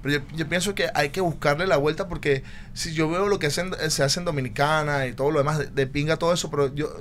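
A man's voice: a little high, steady tone, fast talker, a bit bright, slight background noise. A man from Venezuela with a Venezuelan accent, hosting a casual sports podcast and pressing his points emphatically, often repeating them. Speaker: podcast host.

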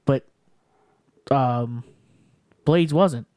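A man's voice: mid-range voice, drawn-out words, warm tone, clear, resonant tone, no room sound. A man co-hosting a casual podcast, rambling and swearing as he talks over recent fights. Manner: rambling, profane, laughs often. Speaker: podcast co-host. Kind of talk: casual fight-recap chat.

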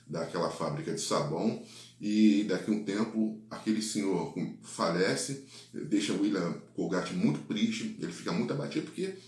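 A Brazilian man with a very low voice retells an inspirational story in an echoey room. He stumbles on repeated words and keeps checking in with "né?". The tone is earnest and unscripted. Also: a little mellow. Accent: Brazilian Portuguese. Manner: halting, many repeated words and "né?" tags. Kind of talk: retelling a faith-based life story.

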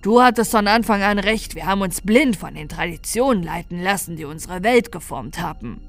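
A woman voicing a corrupted male Santa who speaks slowly, calmly and with contempt. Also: mid-range voice, creaky. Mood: scornful. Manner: slow, calm and contemptuous. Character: corrupted male Santa, calm, cruel and scornful.

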